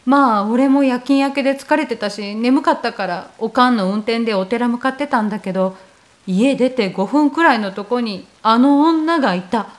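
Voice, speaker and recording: A woman with a high, light voice reads a first-person ghost story. She keeps it conversational and relaxed, as if she were telling it to a friend. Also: normal speed.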